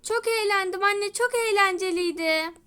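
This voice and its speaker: Woman doing a little girl voice, really high and bright, soft and a bit anxious. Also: normal speed. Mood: cheerful. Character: young girl, the hairdresser's worried daughter. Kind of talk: toy role-play voicing.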